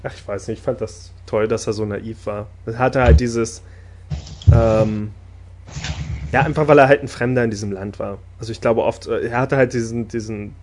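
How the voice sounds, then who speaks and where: A man's voice: medium pitch, moderate pace, slight background noise. Chatty man, casual and laughing. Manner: talkative, laughs often, animated when enthusiastic. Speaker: podcast host discussing anime. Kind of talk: casual chat.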